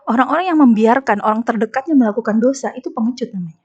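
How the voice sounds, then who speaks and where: A fairly high-pitched woman with an Indonesian accent talks on an Islamic women's show. She speaks emphatically and lively, often acting out the voices in her stories. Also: fast, husky, highs cut off. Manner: emphatic, animated storytelling with acted quotes. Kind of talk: talk show conversation.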